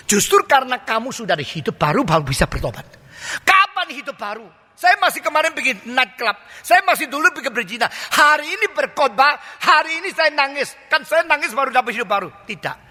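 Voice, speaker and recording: An older man preaches as a pastor in a sharp, high-sitting voice, delivering an emphatic sermon full of rhetorical questions. The long reverb of a large hall surrounds him.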